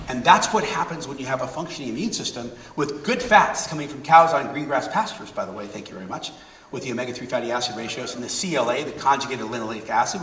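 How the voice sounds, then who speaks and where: A middle-aged man giving a public talk and taking audience questions, energetic and fond of repeating words for emphasis. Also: a little high, a little hiss or hum. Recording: roomy hall, mic at a distance.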